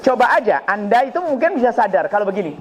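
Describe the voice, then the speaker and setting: A man's voice: sits high, sing-song, fast talker. A man preaching to a live audience, acting out family dialogues and throwing out jokes and questions to the crowd. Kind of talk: religious talk to a live audience. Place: gathering hall with a live audience. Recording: echoey hall, slightly dull sound, faint crowd.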